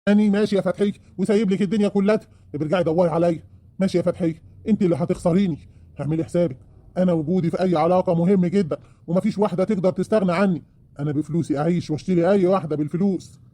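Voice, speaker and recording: Brief: man voicing an Egyptian husband, raised warm voice, very fast pleading; audio drama. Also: sits high, natural voice. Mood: boastful. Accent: Egyptian Arabic. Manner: pleading, rapid wheedling. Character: pleading, self-pitying remorseful husband.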